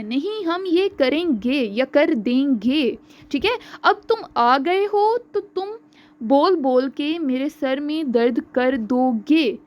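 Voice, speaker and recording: A woman teaching an online exam-prep lesson on grammar. She often checks in with "okay" and slows down to spell out each example. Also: sits high. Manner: explains with frequent "theek hai" check-ins, slows to spell out examples. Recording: slightly dull lo-fi audio.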